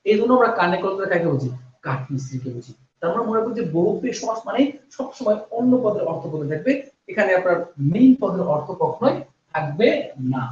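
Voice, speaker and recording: A young man leads an exam-prep grammar lesson, repeating rules and throwing questions at his listeners. His voice sits high. The sound is dull and roomy, as if the mic stands some way off. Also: animated, fast, distant mic. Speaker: Bengali grammar teacher.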